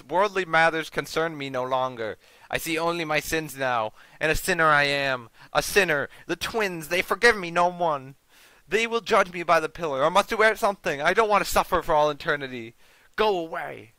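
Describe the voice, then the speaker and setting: A man's voice: medium pitch, moderate pace, sharp tone, no echo, rough recording. A man putting on a raving old mad nobleman. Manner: ranting, raised and menacing. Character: gaunt, mad old male nobleman, tormented by guilt.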